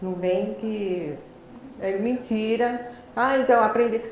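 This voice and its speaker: A high-pitched Brazilian woman lecturing, her speech deliberate and carefully shaped, as if each sound took effort to learn. She tells her story with lively energy. Her voice rings through a very echoey hall with a faint hum of noise underneath. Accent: Brazilian Portuguese. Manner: deliberate, effortful articulation of a speaker who learned speech late. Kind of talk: personal storytelling talk.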